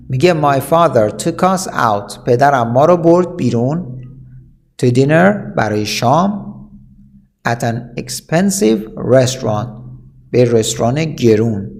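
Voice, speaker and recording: A man's voice: medium pitch, darkish tone. Man teaching English vocabulary. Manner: reads English examples slowly, explains quickly in Persian. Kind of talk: vocabulary lesson.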